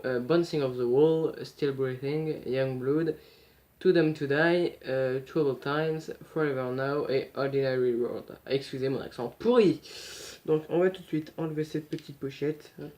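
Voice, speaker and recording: A young man narrates an unboxing in easy, chatty commentary, often correcting himself and muttering as he cuts open packaging. His voice sits a little high but sounds soft and mellow rather than bright. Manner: chatty, self-correcting, mutters while handling items. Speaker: unboxing vlogger.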